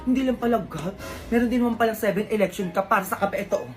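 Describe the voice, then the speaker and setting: A woman's voice: medium pitch, fast talker, soft background music. Bantering woman in a comedy skit. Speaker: comedy sketch performer.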